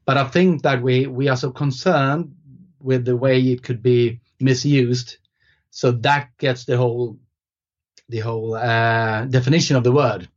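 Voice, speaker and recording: Here a guest author, a native Swedish man, talks a little slowly at medium pitch with fairly even intonation during a casual podcast conversation. He comes across as thoughtful and hesitant, with lots of fillers and restarts. The sound is slightly muffled and dull, lo-fi.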